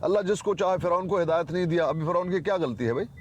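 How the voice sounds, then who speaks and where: A man's voice: high voice, muffled recording, a little hiss or hum. A man in a heated religious debate who insists that translations are wrong and recites scripture in Arabic. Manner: insistent, repeatedly correcting translations.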